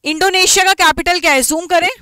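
A woman with a very high, sharp voice and fairly even intonation teaches an online exam-prep quiz lesson, with no room sound. She repeats each question, mixes English phrases into her talk, and reads the English questions slowly and carefully.

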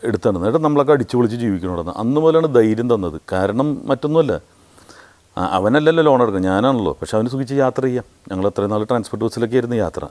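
A middle-aged man from Kerala with a Malayali accent, a comedian telling anecdotes about his career in casual, animated storytelling with a thin, squeezed voice. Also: mid-range voice. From Kerala, India. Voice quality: thin squeezed voice, which he says sounds like a duck grabbed by the neck. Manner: animated anecdotes with quick mimicry of other voices.

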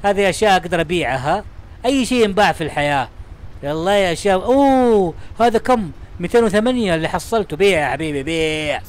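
Fast-talking man narrating a game. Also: high voice, a little hiss or hum. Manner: chatty and excitable, talking to the game and its items. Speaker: gaming channel host. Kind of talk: let's-play commentary.

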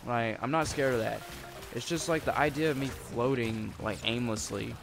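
A man's voice: mid-range voice, normal speed, vocal fry, over music. Profane, rambling gamer guy. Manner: swears constantly, rambles, mutters, then erupts in frustrated outbursts. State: hungry and a bit grumpy. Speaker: gaming YouTuber. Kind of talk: profane casual let's-play commentary.

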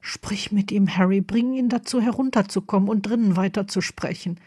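A woman's voice: medium pitch, moderate pace, dark tone, husky, natural voice. A woman voicing a stern but kind older headmistress who speaks formally and urgently.

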